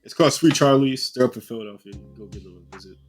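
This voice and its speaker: A young man co-hosting a casual podcast chat, talking through a stuffy, congested nose, animated and joking, laughing often. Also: mid-range voice, rapid-fire, faint music behind. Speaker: podcast co-host.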